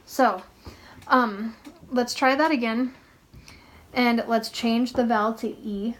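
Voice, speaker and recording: A woman's voice: a little high, steady tone, slow. A woman voice teacher coaching a singing lesson in a patient, encouraging way.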